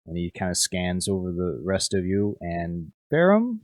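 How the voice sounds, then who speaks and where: A man running a tabletop game as game master, narrating haltingly with many restarts. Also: deep voice, sing-song, no echo.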